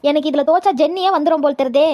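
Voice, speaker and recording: Woman playing a sharp-tongued young daughter-in-law. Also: sits high, rapid-fire, no echo, dull audio, natural voice. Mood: grumbling. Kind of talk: comedy skit acting.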